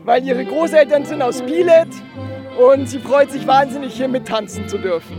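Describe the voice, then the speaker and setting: A man speaks as an interviewed parent in a very high voice. Music plays clearly behind his remarks. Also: moderate pace.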